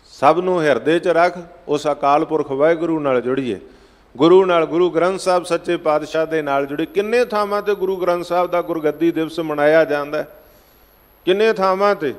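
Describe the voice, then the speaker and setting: A man preaching a sermon, chanting scripture lines slowly and then explaining them in plain speech. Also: a little high. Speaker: Sikh preacher giving scripture exposition. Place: large gurdwara hall. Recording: long hall reverb.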